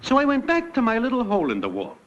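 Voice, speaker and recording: An American actor voices a brash young-adult newcomer to the afterlife, breezily telling his life story in slang, wisecracking and packed with idioms. His very high voice swoops wildly in pitch, fast and heavily acted, in classic cartoon comic narration. The soundtrack is dull and lo-fi, with loud music.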